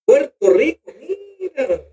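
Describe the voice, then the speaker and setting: A man's voice: extremely high pitch, big pitch swings, takes it slowly, warm tone. A man with a Chilean accent hosting a radio interview in a friendly, chatty way. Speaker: radio host.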